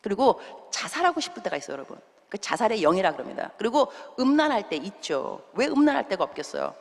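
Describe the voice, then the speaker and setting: Woman pastor, lively up-and-down sermon delivery, emphatic, long echo of a large church hall. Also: medium pitch, fast. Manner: emphatic, with wide swings between loud and hushed; acts out quoted voices and mixes in English words.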